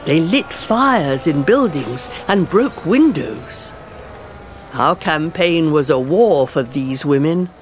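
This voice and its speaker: In an earnest first-person storybook narration for learners, a woman takes on the role of a resolute older women's rights campaigner recalling her life. Her pitch moves expressively up and down, and her animated reading stays slow and measured, with every phrase laid out clearly. Faint music plays behind her.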